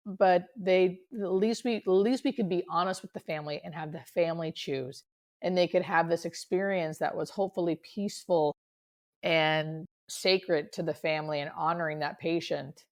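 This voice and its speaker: Lower-pitched woman with a creaky voice. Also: moderate pace. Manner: earnest, reflective, with frequent emphatic repetition. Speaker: hospice nurse, interview guest. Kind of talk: conversational interview answers.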